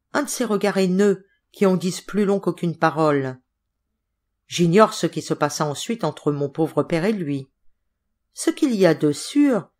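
A woman narrating a literary audiobook in a steady, expressive reading style. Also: lowish voice.

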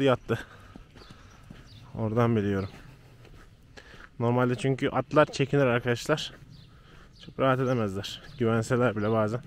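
Guy chatting to the camera out in a muddy paddock, shushing his horse, average pitch, bit of faint noise and horses around. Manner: chatty, speaks softly and shushes to calm his horse, sometimes calls out loudly. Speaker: horse owner vlogger. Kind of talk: casual vlog talk to viewers.

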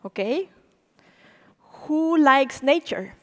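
On a large auditorium stage, a native Spanish-speaking program director in her forties gives an animated public lecture, walking about with a stage mic and posing questions to the audience. Her voice sits high and she draws out words, all under the hall's long reverb.

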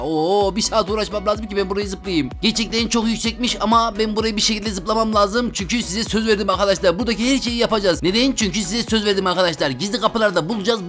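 Excitable high-voiced young man gaming. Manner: excitable, loud outbursts and frequent exclamations; talks to viewers as friends, slangy. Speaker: gaming video host. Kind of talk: Roblox gameplay commentary.

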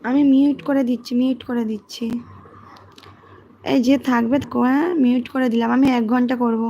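A woman, hosting a casual livestream, reading comments and talking softly and quietly. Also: fairly even intonation, quick pace, lo-fi sound, a little hiss or hum. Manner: soft, low-volume talk, as her daughter is studying. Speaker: livestream host.

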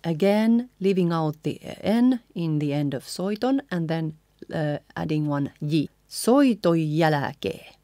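A woman's voice: sits low, warm tone, no room sound, studio quality. A woman with a Finnish accent teaching pronunciation, modelling each phrase and asking the listener to repeat it together. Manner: models lines slowly, then has the listener repeat together. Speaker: singing teacher. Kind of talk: pronunciation lesson.

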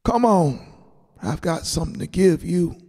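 Reading from a storybook, a man performs a high, gravelly, creaky-voiced old grandfather giving a sentimental, grateful retirement speech. His delivery is slow, halting, tender, soft-spoken and expressive, with a gentle, sentimental mood. A big, long hall reverb rings around the voice.

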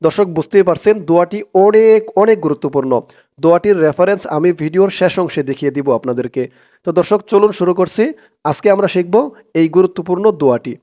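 High-voiced man teaching a prayer slowly. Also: dark tone. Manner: slow, drawn-out chanted recitation between spoken explanations. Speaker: Arabic teacher.

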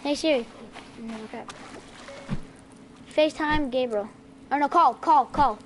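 A woman streaming a survival game, chatting casually to herself with excitable reactions and mild cursing. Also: high-pitched, measured pace, background noise. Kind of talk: casual gameplay commentary.

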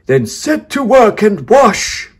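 A man voicing a wicked, cruel male wizard who gloats and speaks in a slow, drawn-out, booming way. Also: very animated, husky, heavily acted. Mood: gloating.

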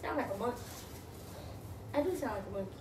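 A young woman vlogging, talking loudly in playful, protesting banter with her cousin. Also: fairly high pitch, animated, fast talker, noisy background. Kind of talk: casual challenge vlog. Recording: echoey room from a distance.

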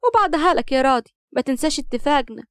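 Woman voicing a sharp-tongued Upper Egyptian wife. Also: high-pitched, expressive, rapid-fire, no room sound, studio quality. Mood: irritated. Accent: Upper Egyptian Arabic. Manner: irritated and cutting.

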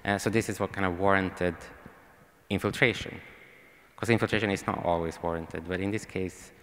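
Speaking at normal speed in a low-pitched, steady, fairly bright voice, a young Swede with a Swedish accent addresses a panel from the stage of a large hall through a handheld mic. His delivery is hesitant, full of ums and false starts, and the recording carries a long reverb.

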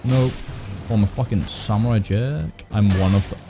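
Man, heavily compressed mic, low voice, excitable swearing gamer, faint music behind. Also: normal speed. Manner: excitable, swears a lot, jumps into high shrieks. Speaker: gaming video creator. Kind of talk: live gameplay commentary. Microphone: desk mic with compressor.

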